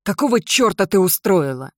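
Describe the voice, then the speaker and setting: A woman's voice: sits low, fairly even intonation, normal speed, no room sound, close to an everyday voice. A woman reading an audiobook, voicing a distraught middle-aged father who snaps bitter accusations, close and dry. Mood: furious. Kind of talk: audiobook character voice.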